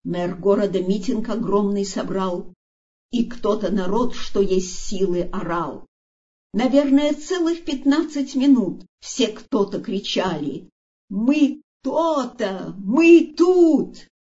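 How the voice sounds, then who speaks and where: Woman narrator, rhymed children's story, slow and expressive, dull lo-fi recording. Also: medium pitch. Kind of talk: storybook reading in verse.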